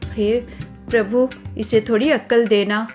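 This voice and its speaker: A woman's voice: on the high side, steady tone, takes it slowly, darkish tone, faint music behind. Fretful, scolding elder sister-in-law, a woman voicing her. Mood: worried.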